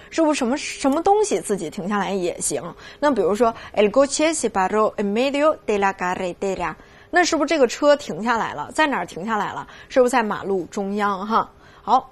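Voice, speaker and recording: A woman teaches vocabulary in a fairly high voice. She keeps asking rhetorical questions and drills each word slowly, twice over. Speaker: Spanish language teacher. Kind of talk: vocabulary lesson.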